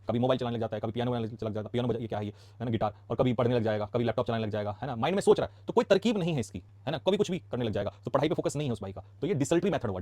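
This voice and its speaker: Rapid-fire Indian man teaching vocabulary. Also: medium pitch, a little mellow, dry recording. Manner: rapid, chatty, asks quick questions then answers them. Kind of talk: casual classroom lesson explaining words.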